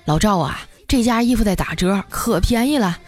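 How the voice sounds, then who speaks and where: A woman's voice: medium pitch, lively intonation, moderate pace, natural voice. A woman voicing a vain, fussy middle-aged mother who teases and complains, in a comic story podcast with music behind. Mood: chatty.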